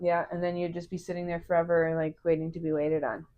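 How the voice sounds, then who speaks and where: A woman co-hosting a casual podcast chat, a restaurant server who tells stories with lively, loud acted-out outbursts. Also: lowish voice, fast, narrow, tinny audio. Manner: animated storyteller, acts out quoted outbursts loudly. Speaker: podcast co-host.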